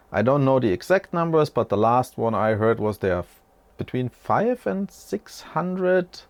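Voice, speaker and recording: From a small room in his home, a man in his forties hosts an off-the-cuff tech walkthrough for his channel. His medium-pitched voice is a little mellow, with no room sound. The talk is chatty and meandering, with frequent self-corrections.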